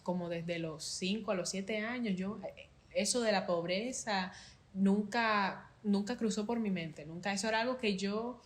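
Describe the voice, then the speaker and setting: Young woman, Cuban accent, podcast host, friendly, conversational, mid-pitched voice. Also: a little slow. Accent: Cuban Spanish. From Cuba. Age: young adult. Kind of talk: podcast interview.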